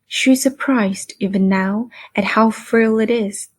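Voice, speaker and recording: A woman narrating a literary audiobook in a measured, calm reading voice. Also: fairly high pitch, husky.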